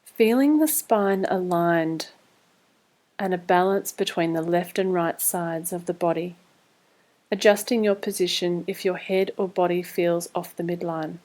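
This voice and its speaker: A woman guides listeners through a body scan meditation, reading scripted instructions in a calm, measured, soothing manner. Her voice sits on the low side.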